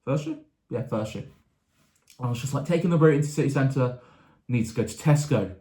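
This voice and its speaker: A man's voice: mid-range voice, a little fast, warm tone. Chatty young man in a roomy echo. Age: young adult. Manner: chatty and rambling, with restarts and asides. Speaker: sports vlogger. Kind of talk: casual sports chat.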